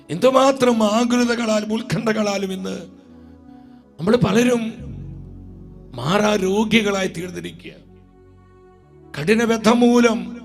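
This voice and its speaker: A man with a Malayali accent preaching a sermon, slow and drawn out, with emphatic repetitions. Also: sits high, gravelly.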